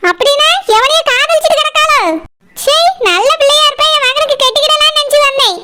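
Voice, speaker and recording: Shrill scolding mother-in-law. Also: fairly even intonation, fast talker, pushed and bright, heavily acted. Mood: indignant. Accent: Kanyakumari Tamil. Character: indignant middle-aged woman, mother of the groom. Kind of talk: cartoon voice acting.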